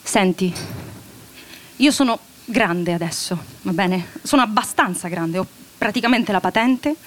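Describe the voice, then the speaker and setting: A woman's voice: mid-range voice, unhurried, close to an everyday voice. A woman voicing a defensive teenage girl who insists she is grown up. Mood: defiant.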